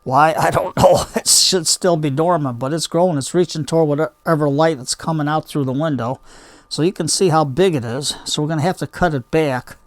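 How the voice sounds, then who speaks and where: A man's voice: a little high, brisk, no room sound. An older man hosting a hobby gardening video, chatting casually in a homespun, rambling way as he demonstrates by hand. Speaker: bonsai hobby video host.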